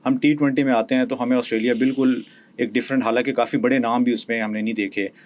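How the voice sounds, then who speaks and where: Pakistani host asking about cricket. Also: male voice, steady tone, fast, a little mellow. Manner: low-key, keeps agreeing with short murmurs. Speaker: podcast host. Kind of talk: podcast interview.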